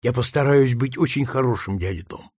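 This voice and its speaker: A man voicing a passionate, impulsive young boy with excited outbursts in an audiobook reading. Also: medium pitch, fairly quick, breathy edge, dry recording, studio quality, natural voice. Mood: earnest.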